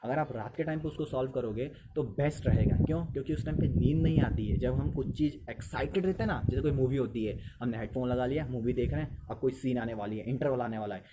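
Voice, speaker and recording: Male teacher, chatty and repetitive, mid-pitched, recorded with a noisy hiss. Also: fast talker, few pauses. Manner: conversational, repeats phrases, mixes English into Hindi. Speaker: teacher giving study tips. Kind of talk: casual spoken study advice.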